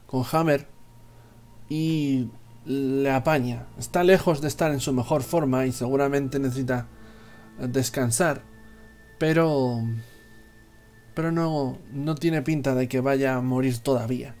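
A young man with an accent from Spain, improvising narration as game master in a halting way. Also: medium pitch, steady tone, darkish tone, soft background music. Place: small indoor room at home.

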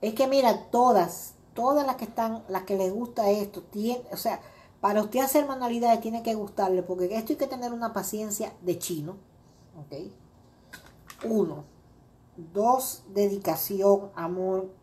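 A woman's voice: medium pitch, unhurried, mellow. A middle-aged woman hosting a crafting video, chatting casually and rambling with many fillers as she greets viewers by name. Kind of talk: casual crafting livestream chat.

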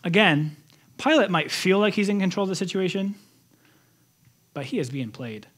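A man preaching a sermon as pastor, telling the story with animated, conversational energy. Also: high-pitched, normal speed. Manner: animated storytelling, acts out quotes in lively voices.

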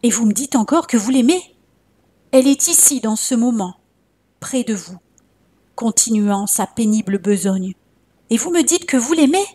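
A woman's voice: medium pitch, slow pace, darkish tone. A woman doing a stern old monk. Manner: solemn rebuking. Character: stern old male monk, grave and commanding.

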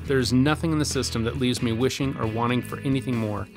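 Man, 40s, home brewer; measured scripted narration over guitar music. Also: medium pitch.

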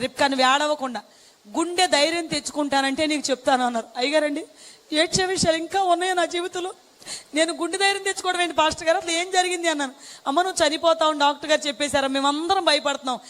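Brief: very high-pitched, fast-talking woman, tearful dramatic testimony. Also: fairly even intonation, fairly bright tone, big-room sound. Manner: tearful, dramatic retelling with quoted dialogue. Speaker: testimony speaker. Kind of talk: emotional personal testimony.

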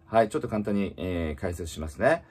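A man teaching English in casual spoken style, reading slowly and explaining with many fillers. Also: low-pitched, expressive, a little mellow, husky.

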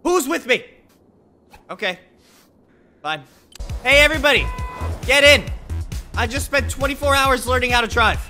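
Man through a squeaky voice changer. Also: moderate pace, pauses often, faint music behind. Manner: playful, self-mocking, excitable. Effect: voice changer raising the pitch. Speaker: gaming video creator. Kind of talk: live gameplay commentary.

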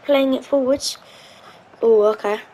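A woman with a slightly raised pitch talks through her gameplay in a casual, meandering way. She hesitates often, filling gaps with ums. Her voice sits over a faint background hum. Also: fairly even intonation, unhurried, warm tone, rough recording. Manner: chatty, hesitant, thinking aloud with frequent ums. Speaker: gaming channel host.

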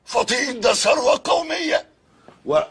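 An actor with an Egyptian accent playing a stern, pompous uncle who lectures in formal phrases and blusters. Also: male voice, very high-pitched, lively intonation, normal speed, fairly bright tone, slightly rough, exaggerated voice. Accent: Egyptian Arabic. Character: stern, pompous uncle guarding his nephew. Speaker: uncle and guardian.

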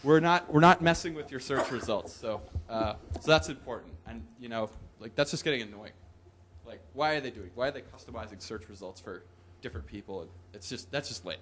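This young male presenter sounds expressive and fairly bright, with a medium pitch and a slightly quick delivery, over a faint hiss or hum. He's joking his way through a casual tech talk at a podium mic while the hall whoops and laughs.

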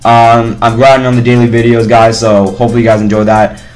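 Loud swearing young gamer guy. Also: medium pitch, level tone, quick pace, soft background music, low-quality recording. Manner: loud, swearing, frustrated outbursts. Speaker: gaming YouTuber. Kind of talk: casual gameplay commentary. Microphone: headset.

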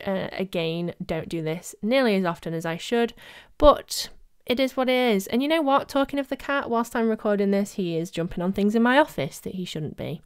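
With a lowish voice and clean tone, a young woman vlogger provides a casual, chatty voice-over for her home cleaning video. She often laughs and pokes fun at herself, and the narration was recorded separately in a home studio.

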